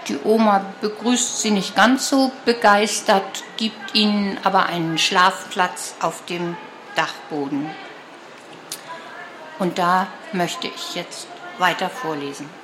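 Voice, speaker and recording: Slow, calm woman reading a story aloud. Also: medium pitch, noisy background. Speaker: reader. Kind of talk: reading a children's book aloud.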